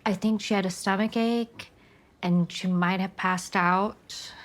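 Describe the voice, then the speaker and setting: An actress playing a matter-of-fact hospital worker in a naturalistic TV medical drama. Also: female voice, mid-range voice, fairly even intonation, measured pace, lightly acted.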